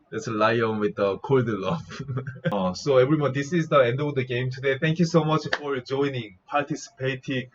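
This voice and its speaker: A man's voice: mid-range voice, fairly bright tone. Young korean-accented guy streaming, teasing chat and doing animal noises, kinda dull lo-fi audio with faint hiss. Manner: teasing, laughs often, imitates animal sounds. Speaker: streamer hosting an animal sound guessing game. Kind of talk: playful live chat with viewers.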